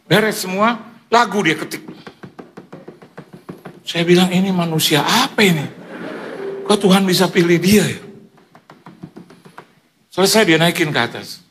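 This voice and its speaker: Animated joking Indonesian pastor. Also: male voice, high-pitched, measured pace, long pauses, faint music behind. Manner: animated, joking, mimics others in quoted asides. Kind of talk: sermon with humorous storytelling. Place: church.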